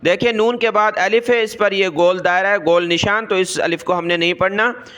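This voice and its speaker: A man teaching Quran recitation rules, spelling out letters one by one and chanting the words in long drawn-out tones. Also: high voice, steady tone, fairly bright tone, clear, resonant tone. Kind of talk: tajweed lesson.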